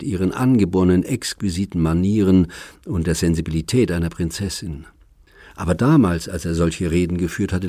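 Low husky male audiobook narrator. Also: darkish tone, no echo, studio quality. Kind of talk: scripted literary narration.

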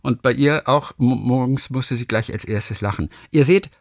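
A man's voice: medium pitch, moderate pace, gravelly, dry recording, studio quality. A man hosting a podcast and reading listener messages aloud in a casual chat, telling stories with lots of restarts. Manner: lively, animated storytelling with many restarts. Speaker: podcast host.

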